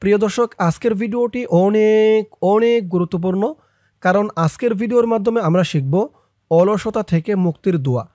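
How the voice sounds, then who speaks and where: A man's voice: sits high, fairly quick, dark tone, no echo, clean studio sound. A man teaching viewers to pronounce a prayer, patiently repeating each syllable for them to follow. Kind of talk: spelling-out lesson of a prayer.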